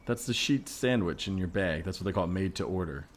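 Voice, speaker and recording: In a comedy podcast scene, a deep-voiced man improvises an ordinary neighbor who is skeptical and uneasy. He talks briskly but reasons patiently, hesitant and deadpan, with a matter-of-fact mood.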